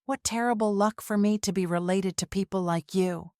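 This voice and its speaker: A woman's voice: mid-range voice, normal speed, darkish tone, clear, resonant tone, no room sound, clean studio sound, close to an everyday voice. A woman doing a stern old army father. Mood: furious. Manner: commanding, furious outbursts. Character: stern retired military father, older man.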